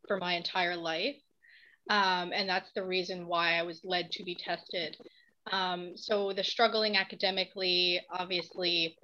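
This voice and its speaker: Young woman guest, bright sharp tone, earnest casual talk. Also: lowish voice. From Newfoundland, Canada. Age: young adult. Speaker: podcast guest. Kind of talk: casual podcast chat. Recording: slightly dull audio with faint noise.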